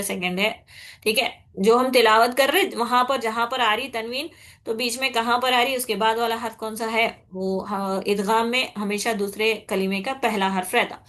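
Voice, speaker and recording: Bright-voiced woman teaching recitation. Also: fairly high pitch. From India. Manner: explains patiently, often asks "okay?", demonstrates with slow drawn-out nasal recitation. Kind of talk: tajweed lesson.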